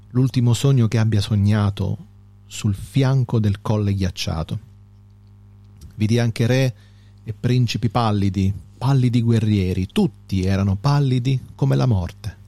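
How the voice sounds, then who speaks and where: A man co-hosting a casual literary talk, reading a poem aloud in a measured way and chatting with hesitant fillers. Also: lowish voice, warm tone, no echo. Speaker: co-host reading poetry.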